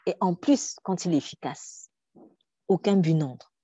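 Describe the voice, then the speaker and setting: A woman delivers a sermon in a low, dark, mellow voice, driving her points home with rhetorical questions and repetition. She sometimes sinks to a near whisper. The recording is dry and somewhat dull. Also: unhurried, breathy edge, no echo. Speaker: preacher.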